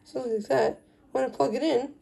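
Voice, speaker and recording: A woman with a high-pitched, gravelly voice speaks fairly quickly in a fairly even tone, explaining a hands-on phone system project off the cuff as a video host while handling gear. It's recorded on a handheld phone camera that moves around a small indoor room with a wooden floor, with heavy background noise.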